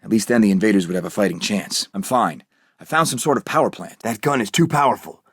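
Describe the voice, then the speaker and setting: An actor playing Captain America, a heroic and determined American soldier, delivering terse, earnest video game lines. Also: male voice, fairly low pitch, lively intonation, fast talker, breathy edge, no room sound, studio quality. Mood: focused, determined.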